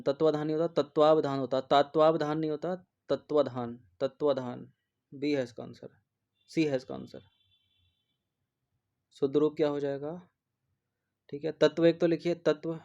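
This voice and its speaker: Hindi exam tutor, dark, lo-fi. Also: male voice, on the high side. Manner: repeats each word over and over and checks in with a constant "theek hai". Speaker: exam prep teacher. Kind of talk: spelling lesson, explaining answers. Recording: dull lo-fi recording.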